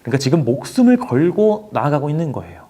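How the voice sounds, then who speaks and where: Young man, youth pastor, lively storytelling sermon, animated pitch, mellow tone. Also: fast. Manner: dramatic storytelling, voices inner thoughts. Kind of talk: sermon to teenagers.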